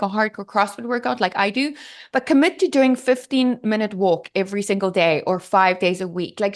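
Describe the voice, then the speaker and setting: Bubbly woman guest, fairly high. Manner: bubbly, earnest, lots of "like" and "right?". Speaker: guest, health advocate. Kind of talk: casual interview.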